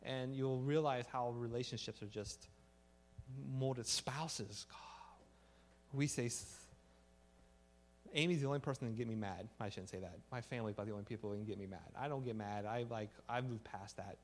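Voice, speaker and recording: A pastor giving a conversational sermon, acting out everyday exchanges and ending in prayer. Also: male voice, medium pitch, normal speed, slight background noise. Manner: conversational, acts out little dialogues, fillers like "like"; earnest prayer to close.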